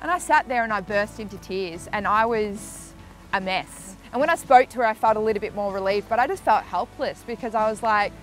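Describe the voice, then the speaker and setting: Young woman, candid and emotional, documentary interview, mid-pitched voice, faint music underneath. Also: fairly quick. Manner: candid, emotional, trailing off into fillers. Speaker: professional netball player.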